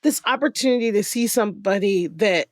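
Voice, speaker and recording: A woman talks in a relaxed, chatty way, with a voice of middle pitch. Her telling is animated, with frequent laughter and swearing. She is heard close on a dry studio mic with no room sound. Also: brisk, no room sound. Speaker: podcast host. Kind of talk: casual chat.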